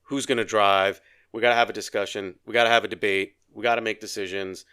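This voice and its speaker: A man's voice: lowish voice, quick pace, clear, resonant tone. A man co-hosting a podcast in casual conversation, telling stories and acting out the dialogue in them. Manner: animated storyteller, acts out quoted dialogue. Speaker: podcast co-host.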